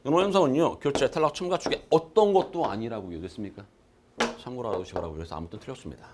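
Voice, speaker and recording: Speaking rapid-fire with lively intonation and a medium pitch, this male lecturer records an exam-prep class in a lecture room as a crowd murmurs behind him. He stresses points forcefully, fields his own questions to the students, and hammers key terms through repetition.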